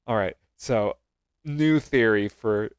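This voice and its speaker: A man's voice: fairly low pitch, slow, clean tone, dry recording. A man co-hosting a podcast, reading scripture aloud and chatting playfully. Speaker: podcast co-host. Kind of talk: casual chat and scripture reading.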